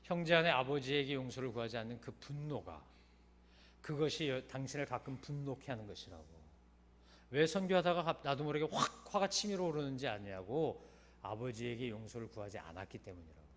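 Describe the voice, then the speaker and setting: A pastor delivers a Sunday sermon, telling a story in a casual, emphatic style that swings between loud stresses and soft, trailing phrase endings. His mid-range voice is animated and a little fast.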